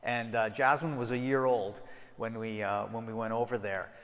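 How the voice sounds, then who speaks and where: This middle-aged missionary guest speaker from Ecuador and Peru talks to a church congregation about missions in a conversational way, frequently starting sentences over. He speaks at normal speed with a medium pitch and steady tone. The sanctuary adds a long hall reverb.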